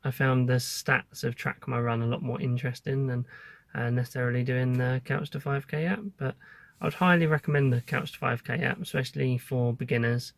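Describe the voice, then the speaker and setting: A man's voice: mid-range voice, fairly even intonation, brisk, vocal fry, no room sound. A man talking casually as a vlogger, giving an informal update in a hesitant, thinking-aloud way.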